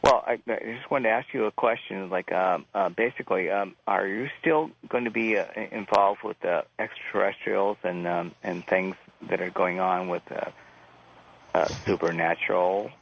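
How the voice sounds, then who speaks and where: A man from Oregon calls in to a late-night radio show, hesitant and halting, filling his pauses with "um" and "uh." His voice is low and gravelly, and it comes through muffled and lo-fi. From Oregon, USA. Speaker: caller. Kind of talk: phone-in call to a radio show. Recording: muffled lo-fi phone-in audio.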